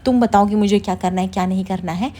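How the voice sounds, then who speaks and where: A proud young wife from a TV drama snaps back curtly and defiantly, voiced by a woman narrator. The speech is fast, at a middling pitch. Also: steady tone, mellow, close to an everyday voice. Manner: defiant, curt.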